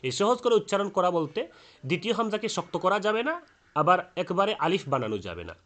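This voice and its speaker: In a spoken lesson on Quran recitation rules, a man explains slowly with many hesitant fillers and chants the example words aloud. His voice sits high, very animated and a bit bright.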